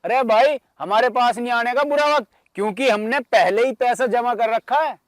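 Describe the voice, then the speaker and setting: Give me a smug, jeering villager with a very high voice, recorded dry and close. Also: male voice, normal speed, dry recording. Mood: mocking. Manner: teasing, jeering. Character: young village man, mocking and smug. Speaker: mocking villager.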